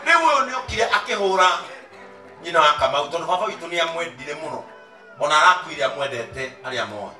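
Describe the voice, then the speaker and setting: A man in his thirties preaching in a large outdoor tent on a handheld mic. He tells stories and then shouts his sermon points. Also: on the high side, lively intonation, quick pace, recorded from a distance. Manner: switches from storytelling to shouted preaching. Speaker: pastor. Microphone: handheld mic, pacing the stage. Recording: roomy tent sound, off mic, faint music and crowd.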